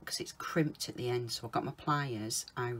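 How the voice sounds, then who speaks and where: A woman talking viewers through a polymer clay project, chatting casually, calling them guys and murmuring softly to herself as she works. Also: rumbling low, moderate pace. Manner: chatty, often calls viewers guys, mutters softly to herself while working. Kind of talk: casual crafting tutorial.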